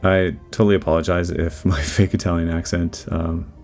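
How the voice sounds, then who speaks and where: Quiet background music accompanies a very deep-voiced man narrating his 3D modeling timelapse at a normal pace. His commentary is casual and meandering, with frequent fillers and restarts.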